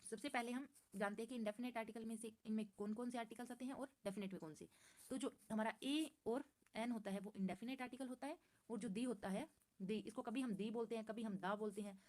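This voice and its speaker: A woman's voice: fairly high pitch, steady tone, darkish tone. Patient woman teaching grammar. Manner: patient, repeats points and asks herself questions; reads English example sentences slowly and deliberately. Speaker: English teacher. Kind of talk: slide-based grammar lesson.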